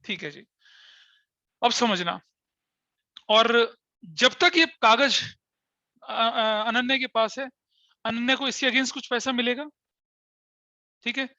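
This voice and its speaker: Bright-voiced male teacher, dry sound. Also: extremely high pitch, takes it slowly, pauses often, no echo, dull audio. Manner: questioning, repeats key terms, checks if students follow. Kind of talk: classroom accounting lesson, mixing in English. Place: classroom with online students.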